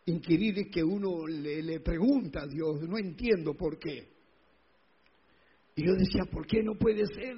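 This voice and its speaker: A male pastor telling a personal testimony in a sermon, emotional and rising to loud pleading. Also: fairly high pitch, husky, lo-fi sound.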